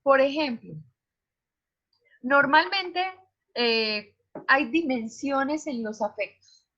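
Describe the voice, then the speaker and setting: Woman, teacher, high bright voice, online class, slightly dull call audio. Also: slow. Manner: explanatory, asks students questions. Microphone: video call.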